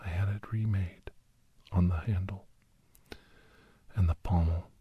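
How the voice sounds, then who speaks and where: A man whispers the slow, halting confession of a weary, guilt-ridden older doctor and veteran hunter for an ASMR story, his voice breathy and husky. Deep with fairly even intonation and heavily acted, it has a grave, reflective mood on dull audio with no room sound.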